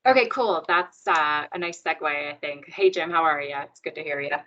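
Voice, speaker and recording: A woman's voice: low-pitched, normal speed, pushed and bright. A woman facilitating a video meeting in a chatty, upbeat way with plenty of fillers, heard over a video call. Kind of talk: casual video meeting chat. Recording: dull, muffled video call audio.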